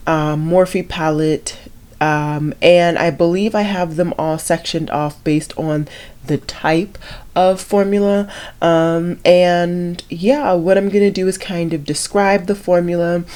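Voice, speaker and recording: Beauty vlogger, young woman, congested and nasal, low warm tone, loose chatty delivery. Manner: relaxed, rambling, with fillers. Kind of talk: casual swatching video.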